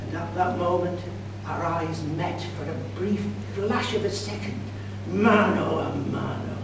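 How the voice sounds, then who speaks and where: A man in his sixties, competing as a contest speaker, tells a comic tall tale to an audience in an indoor club function room. His high voice delivers a deliberate, mock-grand deadpan with dramatic pauses in this theatrical speech. A distant camera mic captures echoey sound with loud noise and hum.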